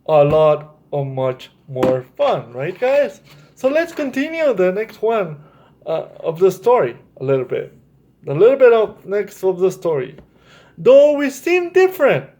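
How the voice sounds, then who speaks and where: A man with a high, slightly mellow voice hosts a children's story time, reading aloud and explaining things to young listeners. He's encouraging and direct, speaking straight to them and pausing for check-in questions.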